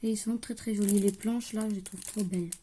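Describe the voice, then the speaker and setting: This young crafting vlogger has a mellow, slightly rough medium-pitched voice, fairly even in intonation and fairly quick. She chats casually to camera through her haul at home, thinking aloud as she unpacks and sometimes trailing off, with a light regional French-speaking accent; her chair creaks at the craft table.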